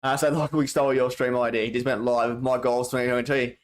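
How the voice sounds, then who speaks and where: This Australian man, medium in pitch and level in tone, is a fast talker hosting a livestream. He rambles through viewer messages in a casual, slangy manner, restarting often.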